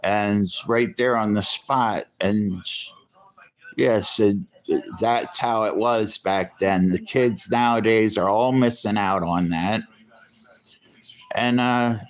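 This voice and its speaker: Fifties male, low and unhurried, casual reminiscing monologue, halting delivery full of restarts. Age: 50s. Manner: rambling, halting, many fillers and restarts.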